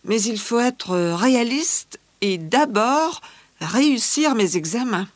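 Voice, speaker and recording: A friendly teenage schoolgirl, played by a woman talks slowly and clearly in a scripted language-exam interview. Her voice sits fairly high for a woman. The recording is dry and close, with no room sound. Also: expressive, dry recording. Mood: calm chatty. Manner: measured, clearly articulated scripted delivery. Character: cheerful teenage Australian schoolgirl, fashion-loving.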